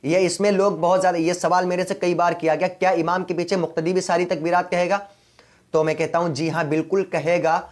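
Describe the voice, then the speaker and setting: Higher-pitched man explaining prayer steps patiently. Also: flat delivery. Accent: Urdu. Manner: patient, step-by-step explaining, repeats key points. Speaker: mufti teaching prayer rules. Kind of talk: religious instruction.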